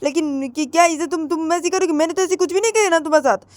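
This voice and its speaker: A woman's voice: very high voice, fast, dry recording, pitched above the performer's own voice. A woman voicing a stubborn young woman who argues back and insists on staying, in a raised voice. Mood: insistent.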